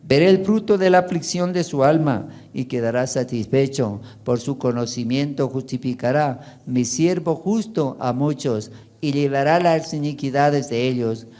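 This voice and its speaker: A man's voice: mid-range voice, moderate pace, mellow. A male pastor with an Ecuadorian Spanish accent, preaching a sermon to his congregation and drawing call-and-response answers from them. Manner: preaching with rising intensity, calls and responses with the congregation. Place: church sanctuary.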